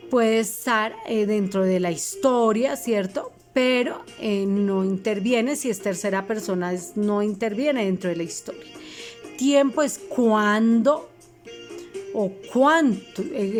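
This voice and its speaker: A woman teacher, giving a recorded lesson to fifth graders and patiently spelling out each instruction. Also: fairly high pitch. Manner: patient, reminding, spells things out for children.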